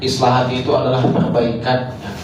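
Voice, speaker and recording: A man's voice: medium pitch, completely flat delivery, a little fast. A man teaching students, giving instructive feedback with rhetorical questions. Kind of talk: evaluation talk to students after speech practice. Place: school hall. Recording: echoey hall, distant mic, noisy.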